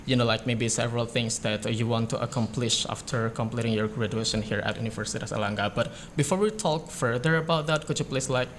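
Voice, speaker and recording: A man's voice: medium pitch, fast, few pauses, a little hiss or hum. A man hosting a university podcast, talking casually with lots of "you know" and "like". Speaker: podcast host. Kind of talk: podcast interview.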